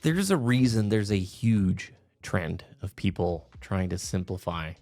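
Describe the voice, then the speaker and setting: A man's voice: low voice, lively intonation, unhurried, darkish tone, no echo. A man giving earnest, reflective opinion commentary to viewers, speaking with emphasis. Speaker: video game commentator. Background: background music.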